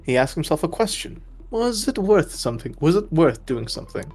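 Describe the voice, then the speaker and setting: A man's voice: fairly high pitch, big pitch swings, brisk, a little mellow, soft background music. A man reading a story aloud with friends, joking and laughing between passages. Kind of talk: casual group reading and chat.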